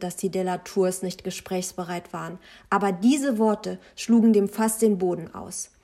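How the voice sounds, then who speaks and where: A woman's voice: medium pitch, mellow. A woman reading a first-person novel aloud expressively. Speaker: audiobook narrator.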